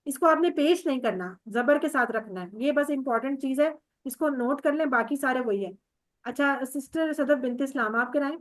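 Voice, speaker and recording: A woman with a Pakistani Urdu accent teaching an Arabic grammar class online, drilling verb forms and quizzing students by name. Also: high-pitched.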